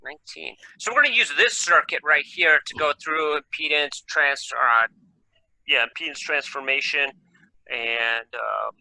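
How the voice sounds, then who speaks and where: An electronics instructor teaches a live online class over a video call, chatting casually and thinking aloud while operating the screen share. His fairly high voice is a little slow, bright and forceful with vocal fry; the audio is poor, though without echo.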